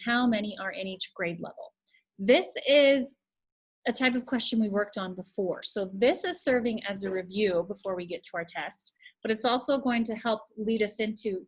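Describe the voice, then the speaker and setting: Woman teacher with a slightly high voice, patient and methodical, walking students through an equation. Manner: patient, step-by-step explaining, thinks aloud. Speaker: math teacher. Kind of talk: recorded video lesson.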